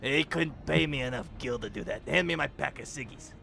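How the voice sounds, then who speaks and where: A man putting on Tataru, a gruff little cigarette-craving woman. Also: mid-range voice, a little fast, pushed and bright, faint music behind. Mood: grumbling. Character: tiny fussy woman who craves cigarettes.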